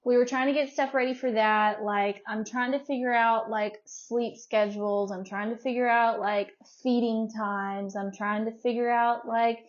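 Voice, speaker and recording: A young woman with a high-pitched voice tells a personal story on a podcast. She talks animatedly, often laughing and scattering "like" through her sentences. The recording is dull and lo-fi. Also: steady tone, normal speed, hardly any pauses. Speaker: podcast guest. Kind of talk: casual storytelling.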